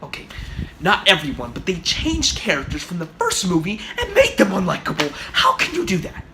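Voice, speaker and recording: A man's voice: high-pitched, huge pitch swings, normal speed, sharp tone. A young man giving an exasperated, profane, sarcastic movie review rant on his vlog. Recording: noisy home recording.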